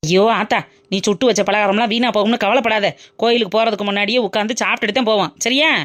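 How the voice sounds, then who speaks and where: A woman's voice: mid-range voice, fairly even intonation, fast talker, a bit bright, close to an everyday voice. A woman voicing a brash, cheeky young female best friend in a cartoon, teasing and bantering. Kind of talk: cartoon voice acting.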